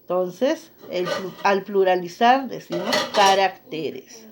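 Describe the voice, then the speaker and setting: A woman's voice: mid-range voice, expressive, noisy background. A woman teacher giving a grammar lesson, reading out rules and examples and often checking in with her listeners. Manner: slow, deliberate, checks in with listeners.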